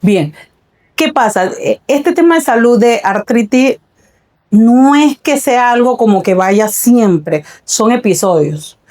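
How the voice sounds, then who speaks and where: A woman's voice: fairly high pitch, animated, slow pace, darkish tone. A woman pastor giving an earnest, reflective personal testimony in a faith podcast conversation, often repeating her words.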